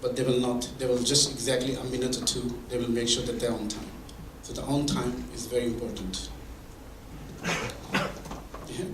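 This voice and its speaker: Male presenter, mid-pitched, explaining with examples, heard from a distance in a roomy hall. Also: level tone, normal speed, background noise. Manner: explains with examples, many restarts. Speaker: presenter at a mentoring event. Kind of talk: conversational presentation. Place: meeting room or hall. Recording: echoey room from far off.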